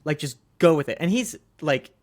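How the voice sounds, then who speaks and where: A man's voice: a little high, animated, normal speed. A man co-hosting a music podcast, talking in a loose, rambling way with lots of fillers and easy laughter. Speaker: podcast co-host. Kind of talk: casual chat about music.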